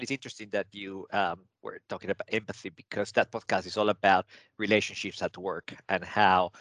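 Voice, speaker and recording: A middle-aged man from Venezuela chats as a podcast guest, upbeat and positive in every answer. His voice sits low, and the sound is dry and close with no room around it. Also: fairly bright tone, no echo. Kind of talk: casual interview chat.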